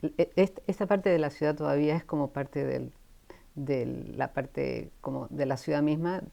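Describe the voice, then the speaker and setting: A woman's voice: low-pitched, moderate pace, vocal fry, warm tone. A woman in her sixties from Chile, a guest writer talking thoughtfully in an in-person interview at a university, often restarting her sentences. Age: 60s. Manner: thoughtful, with frequent restarts and trailing asides. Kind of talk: casual interview conversation.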